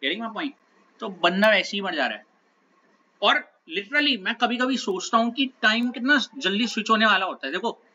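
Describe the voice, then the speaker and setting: A man's voice: high-pitched, pushed and bright, highs cut off. A male teacher giving a conversational classroom talk, often checking that his students are following. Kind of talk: classroom talk, lecture digression.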